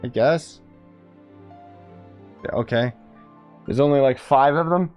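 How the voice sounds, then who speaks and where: A gaming streamer gives casual, slangy live commentary as he plays and chats with viewers, exclaiming and chuckling along the way. His medium-pitched voice is slow and a little mellow, with soft background music.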